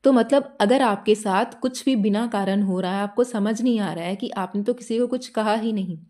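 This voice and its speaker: A woman's voice: medium pitch, normal speed, mellow. A woman hosting a spiritual guidance channel, explaining in a teacherly way, asking the listener questions and checking in often. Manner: teacherly, poses questions and keeps checking with "theek hai?".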